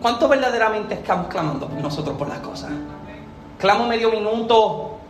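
A woman preaching a fervent sermon, building to shouted peaks. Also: mid-range voice, lively intonation, normal speed, reverberant, music in the background.

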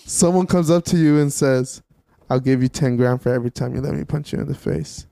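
A man's voice: mid-range voice, brisk, creaky, dark tone, dry recording. A man hosting a podcast in casual chat, with slangy frat-bro banter. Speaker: podcast host.

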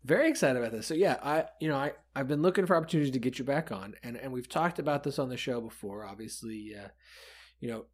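A man's voice: mid-range voice, fast talker, husky. A man hosting a sports podcast in a casual, conversational way. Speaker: podcast host.

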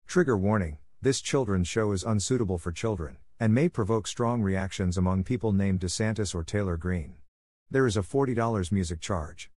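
Male announcer, lower register, scripted promotional read, dry recording. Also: a little mellow, no echo.

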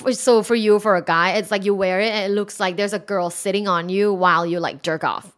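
A woman's voice: medium pitch, fairly even intonation, fairly quick, fairly bright tone. A woman from Thailand, a sex educator talking frankly and candidly in a casual interview, giggling often and filling her sentences with "like". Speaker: sex educator and college instructor.

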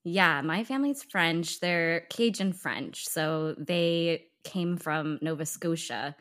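A woman's voice: low-pitched, slow, fairly bright tone. Bubbly young woman podcast co-host. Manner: bubbly, laughs often. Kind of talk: casual chat.

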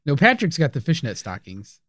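A man's voice: fairly high pitch, wildly swooping pitch, brisk, fairly bright tone, no room sound, studio quality. An American man co-hosting a comedy podcast with casual, wordy banter.

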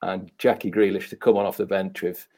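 A man's voice: sits low, little pitch movement, a little fast, vocal fry, warm tone, slightly rough. A man from Leicester with a Leicester accent, chatting casually about football as a podcast panellist. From Leicester, England.

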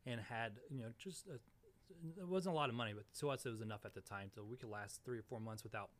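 A man's voice: lowish voice, fast. A man in his thirties from Missouri, chatting casually as a podcast guest with a dry, sarcastic humor and plenty of fillers. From Springfield, Missouri, USA. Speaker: podcast guest, real estate investor. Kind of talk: casual interview chat.

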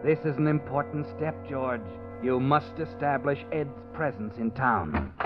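A man with a medium-pitched, slightly slow voice narrates a radio drama in the second person, in an insinuating, leading manner. Dramatic orchestral music plays behind him on a dull old radio recording.

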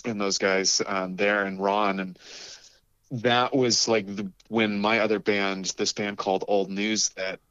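Rambling man in casual interview, lowish voice. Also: little pitch movement, a little slow, a bit bright, clear, resonant tone, dry recording, highs cut off. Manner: rambling, acts out quoted dialogue. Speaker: musician guest, drummer.

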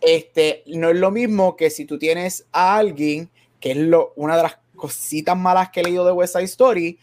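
A man's voice: fairly high pitch, steady tone, normal speed, darkish tone, a little hiss or hum. A man co-hosting a casual podcast chat, reasoning things out and switching often between Spanish and English. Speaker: podcast co-host.

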